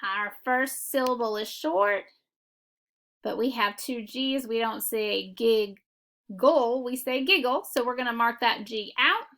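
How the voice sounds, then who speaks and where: A woman teaching a phonics lesson, walking through syllable marking step by step in a deliberate classroom manner. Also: fairly high pitch, gravelly, sharp tone. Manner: slow, deliberate classroom instruction. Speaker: reading teacher.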